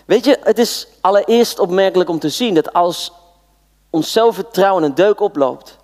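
Man, preacher, from the Netherlands, lively storyteller, acts out dialogue, sermon. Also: sits high. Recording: long hall reverb.

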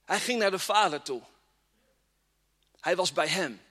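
Fervent preacher in a reverberant hall. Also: male voice, high voice, lively intonation, unhurried, bright, forceful tone. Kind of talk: sermon with scripture reading. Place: church hall with congregation. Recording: long reverb of a church hall.

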